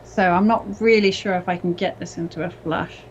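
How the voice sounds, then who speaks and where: A woman with a fairly low voice chats easily as a co-host and player on a live game stream, reasoning aloud about each move. Her audio is slightly dull and muffled, with a faint hiss underneath. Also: fairly even intonation, a little fast. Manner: thinking aloud about her moves, easygoing.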